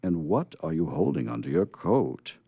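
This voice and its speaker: A man voicing a brusque but kindly old Santa in a storybook reading, booming and hearty. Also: big pitch swings, moderate pace, gravelly, dark tone, husky, no room sound, muffled recording, full character voice. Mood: loud, questioning. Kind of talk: storybook character voice in read-aloud.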